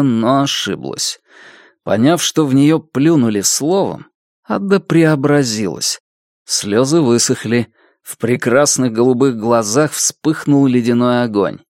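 Narrator for an audiobook, mid-pitched and expressive, with a dead-dry studio sound. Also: no room sound. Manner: expressive storytelling reading.

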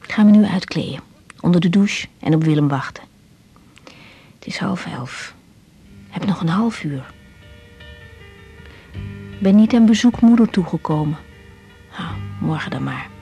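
In a 1980s radio serial, a lead actress voices an intense young woman doctor with a Netherlands Dutch accent, a caring but exasperated daughter, in intimate monologue and dialogue. Her lowish voice is expressive, mellow and unhurried, with frequent pauses, and she sounds confiding and insistent, introspective and weary. Faint music plays behind her.

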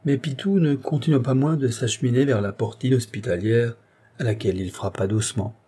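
A man reading a classic novel aloud as an audiobook narrator, steady and expressive. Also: mid-range voice, fairly quick, breathy edge.

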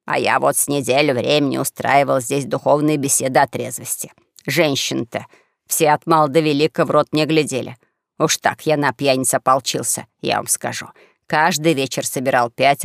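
A man voicing a gruff, hot-tempered bald old swindling preacher who grumbles and curses readily. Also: mid-range voice, dry recording, clean studio sound, voice pushed down, close to an everyday voice.

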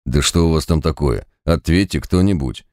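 Guy reading a confused impatient gamer, his own low voice. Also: normal speed, a little mellow, dry recording, clean studio sound. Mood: puzzled. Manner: impatient, questioning. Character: puzzled male gamer waiting for answers.

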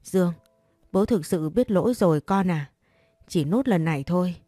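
A woman's voice: on the low side, animated, moderate pace, mellow, no echo, clean studio sound, faint music behind. A woman voicing an ashamed older father who begs his daughter for money, speaking hesitantly and stammering. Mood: pleading, ashamed.

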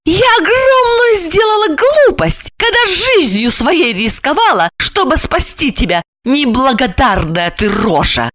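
A woman voicing a fiery, sharp-tongued young woman in an audiobook story, speaking in shrill, emphatic outbursts. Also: very animated, measured pace, few pauses, full character voice. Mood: angry.

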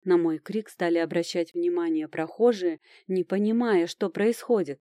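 Женщина-чтец с мягким тёплым голосом. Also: female voice, on the low side, steady tone, normal speed, warm tone, dry recording, clean studio sound. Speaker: audiobook narrator. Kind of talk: scripted narration of a fantasy novel.

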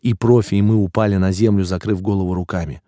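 A man reading a first-person audiobook narration in a steady, even way. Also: low voice, fast talker, dry recording, clean studio sound.

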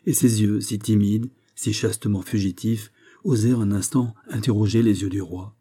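A man narrating a classic novel as an audiobook, in a measured, even storytelling manner. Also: fairly low pitch, slightly rough.

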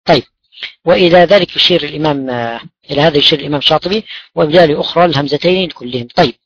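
A man's voice: fairly high pitch, very fast, a bit bright, a little hiss or hum. A man teaching Quran recitation rules, patiently posing questions and answering them himself, repeating key words. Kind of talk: explaining tajweed rules. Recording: dull lo-fi dry recording.

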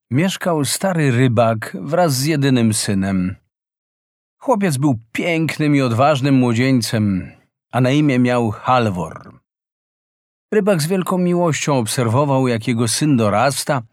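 A man reading a fairy tale aloud as a slow, expressive storyteller in a close, dry recording. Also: medium pitch, no room sound. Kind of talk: scripted fairy-tale narration.

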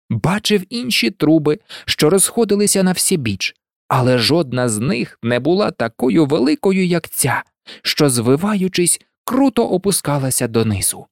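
A narrator reading an audiobook in an expressive, lively way. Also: mid-range voice, dry recording, clean studio sound.

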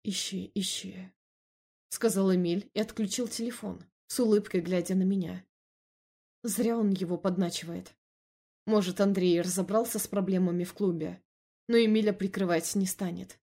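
A woman narrates a first-person novel in an even, measured tone. Her voice is mellow and slightly husky, with a middle pitch. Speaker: audiobook narrator.

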